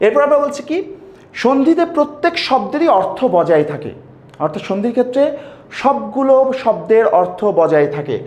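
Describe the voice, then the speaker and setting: A male teacher takes his students through a grammar lesson with a high, animated voice that swings widely in pitch. He keeps asking questions and repeating the key terms. The sound carries a noticeable room echo. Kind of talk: classroom lesson.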